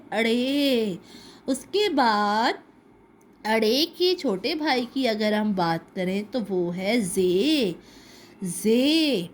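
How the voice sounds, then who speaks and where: A woman teaching a children's alphabet lesson, drawing out letter sounds slowly and asking questions she answers herself. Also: a little high. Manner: slow, drawn-out repetition of letter sounds.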